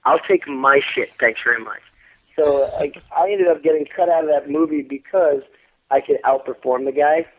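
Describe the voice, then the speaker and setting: Heard over a tinny phone line, the actor, in his thirties, has a fairly high voice at normal speed. During this casual interview he tells boastful, profane, animated stories, voicing the other people involved.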